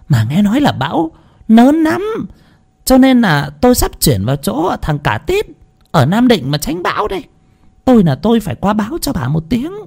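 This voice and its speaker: A man voicing a frantic old village woman neighbor, shouting urgently into a deaf friend's ear. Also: sits high, voice pushed up.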